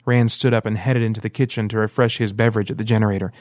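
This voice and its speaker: A man narrating an audiobook in steady, scripted storytelling. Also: lowish voice, racing, no room sound, studio quality.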